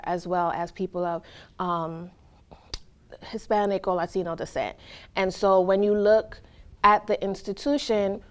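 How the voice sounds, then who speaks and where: A woman from Trinidad and Tobago giving reflective, earnest answers in a casual interview, often checking in with "right?". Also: mid-range voice. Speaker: interviewee, college staff.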